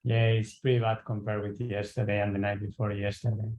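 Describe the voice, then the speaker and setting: A man's voice: fairly low pitch, little pitch movement, brisk, darkish tone, low-quality recording. A man working as an observatory operator, talking casually through technical conditions.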